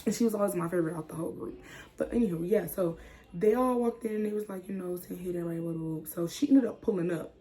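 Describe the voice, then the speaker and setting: Animated young woman telling a story. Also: quick pace. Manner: animated, acts out quotes with sudden whispers and high squeals. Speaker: vlogger. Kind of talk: casual storytime chat.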